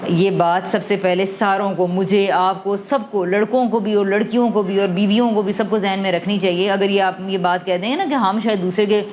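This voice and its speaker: With a mid-range, steady, darkish voice and few pauses, an adult mother guesting on an emotional wellbeing podcast talks thoughtfully and conversationally. She frequently starts sentences over and weaves in English terms, and a slight hiss or hum runs beneath the recording.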